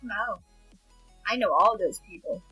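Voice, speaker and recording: A woman's voice: medium pitch, measured pace, pushed and bright, breathy edge, soft background music. A young woman joining a casual reaction chat as a friend, giggly and often echoing her friend's words. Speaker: co-host, friend.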